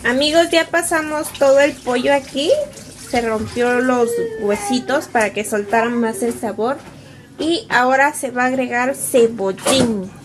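A woman's voice: on the high side, a little slow. A woman with a Mexican accent hosting a home cooking vlog, chatting, asking questions and explaining the steps to her viewers. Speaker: vlog host. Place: home kitchen. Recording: noisy home recording.

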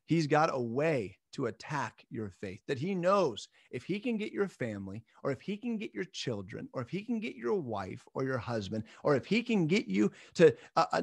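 Here a man in his thirties, a church minister, gives a recorded midweek Bible lesson from a small home room. His pitch is medium and there's no echo; he sounds earnest and encouraging and chuckles past his mistakes.

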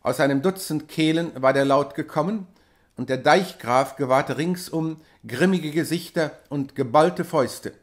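A man reading a classic novella aloud in a measured, dramatic storytelling manner. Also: fairly high pitch. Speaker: audiobook reader. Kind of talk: literary reading.

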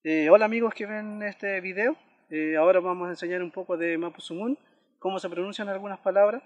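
A man's voice: sits high, fairly even intonation, a little fast, in a large hall, lo-fi sound. A man giving a language lesson, patiently repeating example words one by one and checking in with listeners, with frequent hesitations. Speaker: language teacher.

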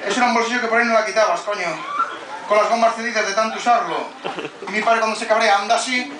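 A man doing stand-up comedy with a fairly high voice. His delivery is lively, and he breaks into sudden shouted impressions. He is recorded from a distance in an echoey room, with loud ambience behind him. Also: quick pace, heavy background noise. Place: stage with a laughing audience.

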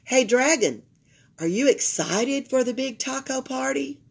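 An older woman from Alabama, with a Southern US accent and slightly raspy voice, reads a picture book to young listeners at a library table. Her voice sits high with lively intonation as she reads expressively and pauses to comment to the kids in her role as storyteller.

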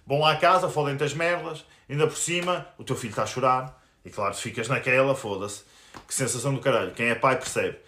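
A man's voice: mid-range voice, a little fast, pushed and bright. Angry young man in a roomy echo. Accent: European Portuguese. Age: 20s. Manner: angry, crude, confrontational. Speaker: YouTuber. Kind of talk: live stream rant.

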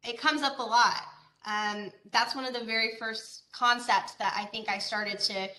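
Bright-voiced woman presenting online. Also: a little high, steady tone, moderate pace, echoey room. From Georgia, USA. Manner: conversational, with frequent fillers and rhetorical questions. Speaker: agricultural educator. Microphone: video call.

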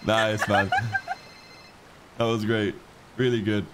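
A man's voice: fairly low pitch, flat delivery, takes it slowly, fairly bright tone, slight background noise. A man joking and teasing his friends in casual in-character roleplay banter. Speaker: streamer roleplaying in a game.

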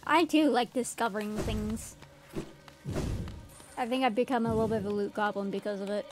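A woman's voice: a little high, steady tone, brisk, over music. A woman streaming a game, chatting casually with her viewers, giggling often and greeting them by name. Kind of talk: casual livestream gameplay chat.

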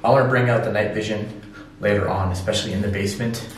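A man's voice: lowish voice, steady tone, fast, echoey room. A man in his thirties chatting casually to a handheld camera as host of an indoor exploration vlog. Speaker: vlogger and urban explorer host. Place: empty abandoned building indoors at night. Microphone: handheld camera at arm's length. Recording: noisy handheld camera audio.

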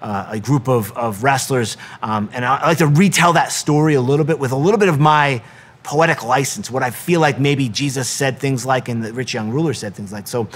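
A man's voice: medium pitch, a little fast. Earnest man coaching with a faith message. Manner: earnest, many ums and restarts, acts out quoted voices. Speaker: wrestling coach. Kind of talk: devotional talk to camera.

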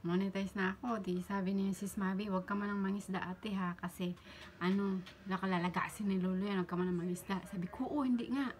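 A woman's voice: medium pitch, a little fast, a little hiss or hum. A middle-aged woman vlogger telling a story in casual chat, laughing often and acting out what her friends said. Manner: animated, laughing, acts out friends' lines.

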